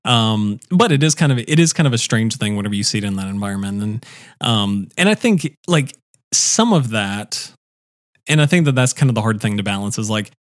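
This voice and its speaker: A man's voice: lowish voice, lively intonation, brisk, no echo, studio quality. A young man co-hosting a casual podcast chat, rambling with lots of fillers and restarts. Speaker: podcast co-host.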